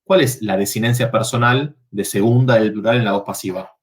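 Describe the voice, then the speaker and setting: A man's voice: lowish voice, a little fast. A man teaching a university Latin workshop, explaining verb forms step by step and checking in with the students.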